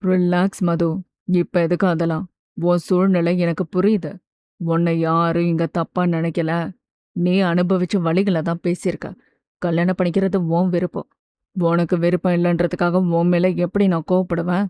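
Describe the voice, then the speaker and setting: A woman voicing a calm, caring young man who reassures a close friend in an audiobook. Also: lowish voice, normal speed, dry recording, voice pushed down, lightly acted. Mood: soothing. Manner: steady, gently reassuring. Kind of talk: audiobook character voice.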